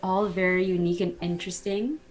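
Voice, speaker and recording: A woman's voice: fairly low pitch, fairly even intonation, a little fast, faint music behind. A woman chatting as a podcast guest in an upbeat way, laughing easily, over a video call. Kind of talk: casual podcast chat.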